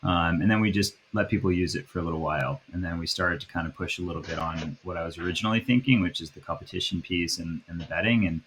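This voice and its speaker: A man in his thirties from the Boston area, talking casually as a podcast guest, with a relaxed, chatty flow and many fillers. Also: deep voice, fast, hardly any pauses, slight background noise. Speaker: guest, app founder. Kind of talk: casual interview chat.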